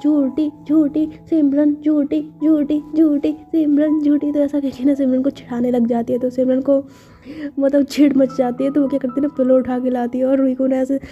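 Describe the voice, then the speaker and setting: A woman's voice: high voice, flat delivery, quick pace, soft background music. A woman narrating a romance story in a chatty, casual way with filler asides, in a dull lo-fi recording.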